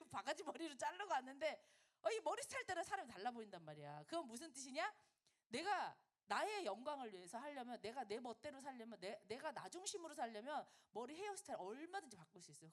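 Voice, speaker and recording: A woman preaching in a high, very lively voice that swoops up and down. She talks to a college congregation in a chatty, animated way, packing her sermon with rhetorical questions and friendly check-ins.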